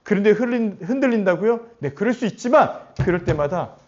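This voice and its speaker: Male pastor preaching, voice jumps all over, kinda high, muffled lo-fi sound. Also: fairly quick. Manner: animated, asks the congregation questions. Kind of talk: sermon. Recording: dull lo-fi recording.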